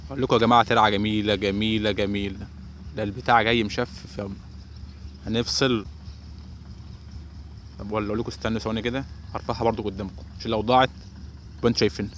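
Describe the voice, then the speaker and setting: A man with an Egyptian Arabic accent giving excited live commentary while fishing outdoors by a canal, talking to his viewers and calling out exclamations. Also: lowish voice, very fast, long pauses, a little hiss or hum. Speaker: fishing vlogger.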